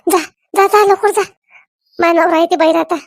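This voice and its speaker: A woman's voice: high voice, a little fast, creaky. A woman playing a nervous young wife, pleading. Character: anxious young wife, fearful of in-laws.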